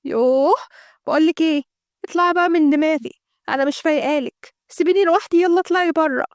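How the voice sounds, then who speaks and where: A woman's voice: high voice, very fast, dry recording, studio quality, natural voice. A woman voicing an irritable young Egyptian woman who snaps at her sister. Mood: irritated. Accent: Egyptian Arabic. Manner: snappy, exasperated.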